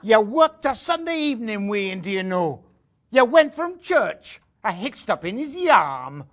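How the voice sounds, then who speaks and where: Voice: mid-range voice, very animated, a little slow, fairly bright tone. Someone doing a jealous swain. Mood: accusing. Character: young male country lover, jealous and hot-tempered. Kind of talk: recited dialect verse dialogue.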